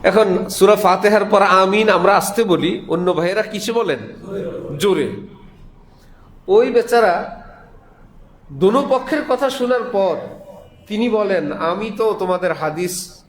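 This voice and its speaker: A man's voice: high-pitched, unhurried, pauses often, echoey room. A man with a Bangladeshi Bengali accent giving a Friday sermon in a mosque, telling stories, voicing the people in them and chuckling often. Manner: storytelling, voicing characters, frequent chuckles. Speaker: preacher. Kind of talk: Friday sermon with acted anecdotes.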